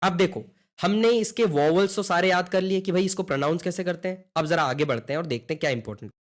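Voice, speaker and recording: A young man with a high voice teaches an online beginner language lesson. He encourages his students in a motivational way, calls them brother and guys, and mixes in English phrases. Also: fast talker.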